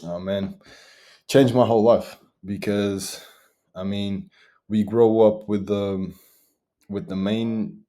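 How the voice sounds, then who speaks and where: Young man from Portugal, eager interview guest, low dark voice, quick restarts. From Portugal, Madeira. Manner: eager, talks fast with restarts. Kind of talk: interview answers.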